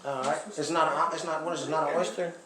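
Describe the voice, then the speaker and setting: A man's voice: a little high, fairly even intonation, quick pace, a loud crowd. A man chatting casually over a meal, dry and a little hesitant about trying new food. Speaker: co-host. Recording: echoey room, loud background noise.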